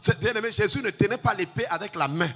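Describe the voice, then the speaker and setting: A male pastor, preaching a sermon in a chanting, sing-song way that builds to shouts. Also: sits high, fast talker, slightly rough. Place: church hall. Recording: long hall reverb, faint music.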